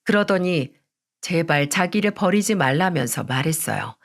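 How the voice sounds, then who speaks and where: Female storyteller, calm scripted narration. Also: sits low, moderate pace. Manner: calm, recounting.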